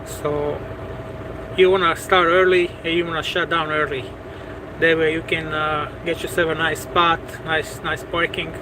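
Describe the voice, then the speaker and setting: A man talks loosely to his live chat from a parked truck, stacking "you know"s and doubling back on his words. His voice sits a little high for a man, and a clear hum of air conditioning and passing vehicles fills the cab behind him. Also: level tone, unhurried. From Bosnia. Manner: rambling, repeats words, many "you know"s. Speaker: truck driver and livestream host. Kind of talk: casual livestream chat answering viewers.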